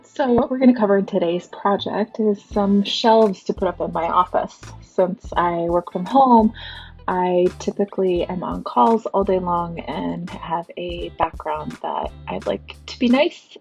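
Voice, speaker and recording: A woman's voice: on the low side, a little slow, creaky, a little mellow. A woman explaining her project plans in an easygoing, plain way. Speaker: DIY vlogger. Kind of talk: casual talk to camera. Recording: dull lo-fi sound with music behind.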